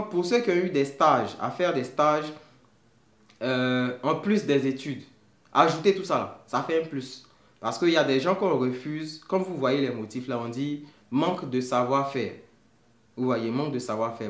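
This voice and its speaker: A man giving casual vlog advice, checking in with viewers as he explains. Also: mid-range voice. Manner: conversational, checks in with viewers often. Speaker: study-abroad consultant. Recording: roomy echoey room sound.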